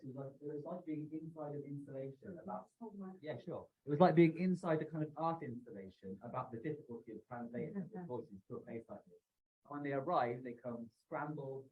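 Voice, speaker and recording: Guy commenting from the audience, dark husky voice, kinda far off and muffled. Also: medium pitch. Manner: thoughtful, searching for words with restarts. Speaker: audience member at a panel. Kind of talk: reflective comment from the floor. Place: conference room.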